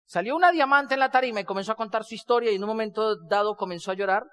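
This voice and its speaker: High-voiced man giving a motivational talk. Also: very fast, clean tone. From Colombia. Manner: storytelling, building to loud emphatic passages. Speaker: business convention speaker.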